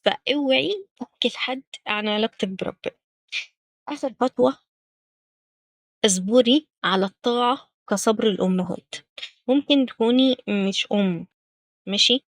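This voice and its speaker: Gentle Egyptian woman, dry close voice. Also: on the high side, normal speed, pauses often, dry recording. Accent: Egyptian Arabic. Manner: gentle, direct address to young women. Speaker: religious talk host. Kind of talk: spoken religious advice series.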